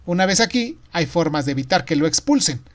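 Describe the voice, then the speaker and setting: Guy putting on a high eager young wife voice, excited phone call, storybook reading. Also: a little fast.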